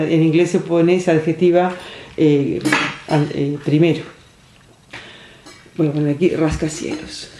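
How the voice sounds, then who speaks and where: Teacher lecturing in an echoey room. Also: mid-range voice. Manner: checks in often with a soft questioning hum; measured, explanatory pace with pauses while writing. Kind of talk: recorded university lecture. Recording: echoey room with faint background noise.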